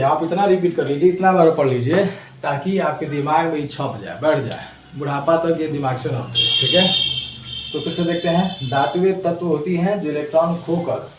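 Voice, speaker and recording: A man teaching a school chemistry class in with a tinge. He repeats key points with "ठीक है" and drills students with rhyming memory chants. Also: a little high. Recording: echoey room, mic far off, faint background noise.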